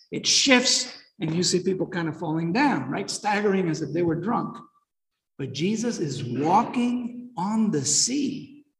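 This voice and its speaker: A man teaching a Bible lesson in a conversational way, often asking listeners questions and retelling the story with energy. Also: sits high. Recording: echoey hall.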